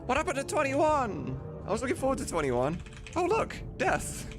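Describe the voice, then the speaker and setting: With an extremely high pitch and huge swings in intonation at normal speed, a man hosts a casual livestream, working on voice mods while chatting informally and swearing now and then. He's easily distracted, and music plays over the click of his keyboard.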